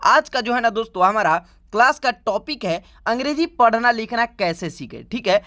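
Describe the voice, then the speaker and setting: A man's voice: very high-pitched, expressive, moderate pace, bright, forceful tone. A man teaching English letters in an online lesson, chatty, checking in with "right?" after nearly every phrase. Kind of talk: YouTube lesson, reciting the alphabet.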